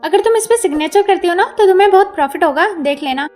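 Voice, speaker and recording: A woman's voice: very high voice, lively intonation, quick pace, a little mellow, soft background music. A woman voicing a greedy, scheming female relative in a drama recap, taunting and pushy.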